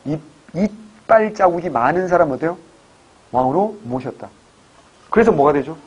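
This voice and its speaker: A man's voice: on the high side, animated, moderate pace, husky, dull audio. A man teaching history for exam prep, telling jokey stories and firing rhetorical questions at his students. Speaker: history lecturer.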